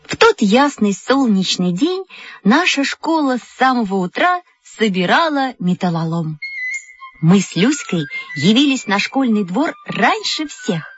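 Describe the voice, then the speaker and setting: A woman narrating a first-person children's story in an expressive audiobook reading. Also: on the high side, unhurried. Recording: dull audio, faint background music.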